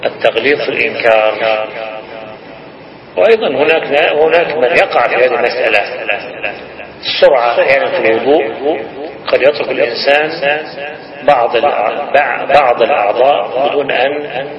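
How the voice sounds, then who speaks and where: A man teaching a religious lesson in a measured, explanatory way, repeating key phrases for emphasis. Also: medium pitch. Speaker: Islamic scholar teaching a hadith lesson. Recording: echoey, dull broadcast with crowd behind.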